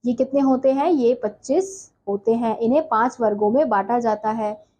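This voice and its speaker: A woman's voice: a little high, moderate pace, warm tone, rough recording. A woman teaching a Hindi grammar lesson, who asks her class questions and answers them herself.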